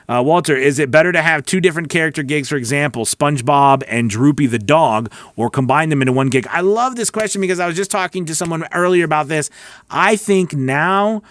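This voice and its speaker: On a livestream, a male voice-over coach reads viewer comments and answers them in a live Q&A. His mid-range voice is a bit bright, with a dry, close sound and no room echo. He is chatty and encouraging, thinking aloud and restarting his sentences often.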